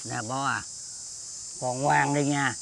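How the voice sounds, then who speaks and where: An actor with a Southern Vietnamese accent playing a kindly old man who gently coaxes a lost little boy. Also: fairly even intonation, takes it slowly, vocal fry, slight background noise. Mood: coaxing. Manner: gentle, coaxing, low and soft. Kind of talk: TV fairy-tale drama acting.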